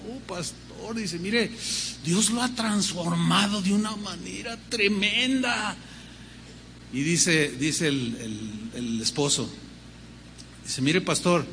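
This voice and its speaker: High, bright-voiced older preacher in a hall. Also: male voice, a little hiss or hum. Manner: storytelling preacher acting out quoted dialogue, rhythmic lists. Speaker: pastor. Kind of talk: sermon.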